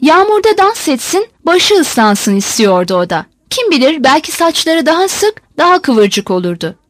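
A woman with a high, lively voice narrates a novel as a literary audiobook, with no room sound audible. Her storytelling is measured and expressive.

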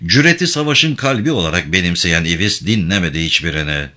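A man reads a war novel aloud as audiobook narration, with a low, bright voice. His reading is dramatic and expressive, rising and falling widely in pitch. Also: fast talker.

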